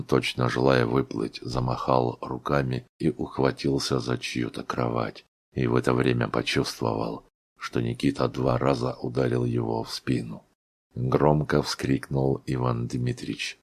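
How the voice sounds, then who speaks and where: A man reading a literary audiobook in a slow, somber storytelling manner. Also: rumbling low, little pitch movement, vocal fry. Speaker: audiobook reader.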